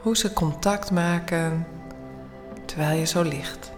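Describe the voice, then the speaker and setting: A woman leading a guided bedtime meditation in a soothing, hushed, often near-whispered voice with long pauses. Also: fairly low pitch, steady tone, music in the background. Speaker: guided relaxation instructor.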